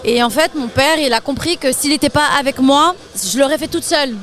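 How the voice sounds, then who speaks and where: A young French woman talking casually about her career in an interview, chatty and quick to laugh. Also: high voice. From France. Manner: lively, laughs often, chatty with fillers. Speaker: interview guest, singer and DJ.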